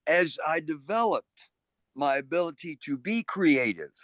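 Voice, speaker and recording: A man's voice: a little high, measured pace, no echo. Older man, interview guest, rambling storyteller, dry close sound. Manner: rambling, restarts often, animated voices in anecdotes.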